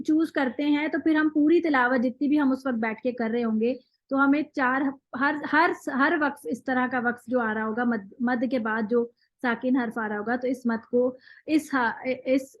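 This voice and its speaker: A woman's voice: high-pitched, no room sound, highs cut off. A woman teaching Quran recitation in an online class, explaining patiently step by step and reciting examples.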